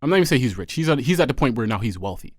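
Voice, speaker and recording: A man co-hosting a casual podcast discussion, telling stories with emphasis and checking in with "right?". His delivery is rapid, with quick momentum. The sound is dry and close to the mic, with little room reflection. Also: mid-range voice, big pitch swings, a little mellow, dry recording. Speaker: podcast co-host.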